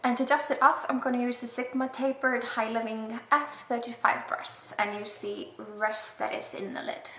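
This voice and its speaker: This makeup vlogger is a young woman with an Icelandic accent for whom English is a second language, and she talks her way casually through a tutorial with chatty jokes at her own expense. Her fairly high voice stays flat in pitch and sounds sharp, moving at a moderate pace with hardly any pauses. Faint hiss and echo fill the room.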